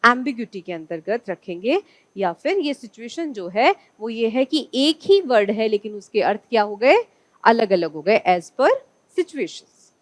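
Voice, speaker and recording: High-voiced woman teacher lecturing. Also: sing-song, a little slow, no room sound. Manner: poses rhetorical questions to students and answers them herself. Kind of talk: online exam-prep lecture.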